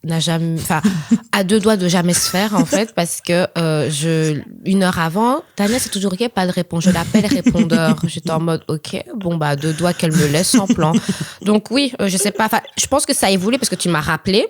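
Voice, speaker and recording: A woman hosting a podcast, chatting with a friend in a lively way, with quick interjections and frequent laughter. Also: lowish voice. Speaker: podcast host. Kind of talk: casual chat, interviewing a friend.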